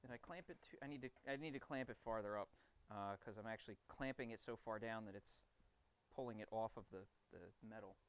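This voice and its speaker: A man's voice: lowish voice, fast, smooth. A man livestreaming from his basement forge, explaining knife grinding in an enthusiastic, rambling way. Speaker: streamer and knifemaker. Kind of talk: casual livestream talk while working.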